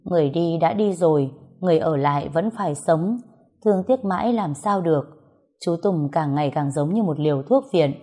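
Woman reading a love story, low warm voice, calm and reflective. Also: normal speed. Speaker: story narrator. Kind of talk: scripted narration.

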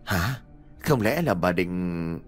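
A man's voice: low-pitched, animated, takes it slowly, faint music behind. A man voicing a timid, easily frightened elderly husband who stammers in a ghost story. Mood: anxious. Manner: stammering, fearful.

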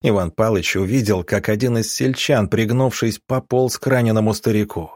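A man reading an audiobook in a measured, steady storytelling voice, recorded on a close studio mic. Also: fairly low pitch, no room sound. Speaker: audiobook narrator. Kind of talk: scripted narration.

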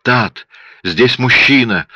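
A man's voice: mid-range voice, takes it slowly, pushed and bright, no echo, voice pushed up, heavily acted. Terrified pleading woman, put on by a man. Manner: panicked, pleading. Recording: dull lo-fi audio.

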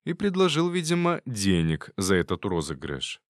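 A man narrating a first-person audiobook in a calm, wry manner. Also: on the low side, normal speed, no room sound, clean studio sound.

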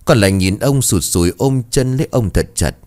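A man narrating a dramatic story in an expressive, measured way. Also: on the low side.

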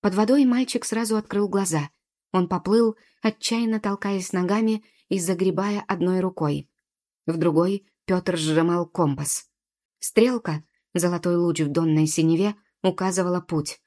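Woman narrating a storybook, low-pitched. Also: normal speed, warm tone. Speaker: audiobook narrator. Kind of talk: expressive storybook reading.

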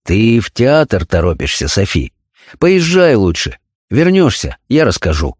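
A man's voice: fairly low pitch, wildly swooping pitch, unhurried, a little mellow, big-room sound, full character voice. A man voicing a distraught middle-aged doctor and father in a spoken story, agitated and near tears. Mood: anguished.

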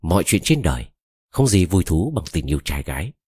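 A man's voice: deep voice, big pitch swings, brisk, a little mellow, breathy edge, no echo, full character voice. A man voicing a sly, cunning old female shaman who coaxes and probes, read close to a dry mic. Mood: coaxing. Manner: cunning, coaxing.

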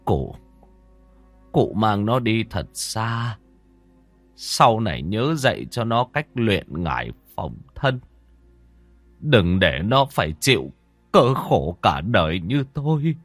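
A man voicing a dying, beaten father who speaks weakly and haltingly, pleading. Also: on the low side, big pitch swings, a bit bright, no echo, soft background music, exaggerated voice. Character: dying battered middle-aged father, gasping. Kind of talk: audiobook character voice.

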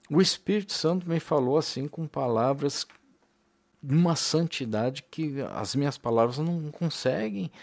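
A man's voice: fairly high pitch, creaky, a little mellow, husky, no room sound. A male preacher giving a sermon in a conversational way, speaking directly to the congregation as brothers.

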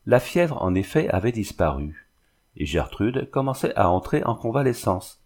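A man reading a novel aloud as steady scripted narration, lifting his voice a little for the characters' lines. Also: on the low side, moderate pace. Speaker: audiobook reader.

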